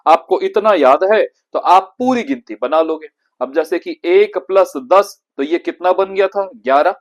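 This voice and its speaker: A male Sanskrit teacher with a Hindi accent, reciting numbers slowly and carefully so students can copy his pronunciation. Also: high-pitched. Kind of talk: classroom lesson.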